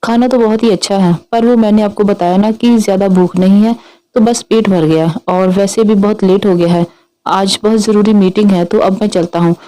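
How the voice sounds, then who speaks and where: A woman's voice: mid-range voice, fairly even intonation, normal speed, dark tone, close to an everyday voice, rough recording. A woman voicing a jealous young man who hides his resentment behind forced politeness. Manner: forced politeness with veiled threats.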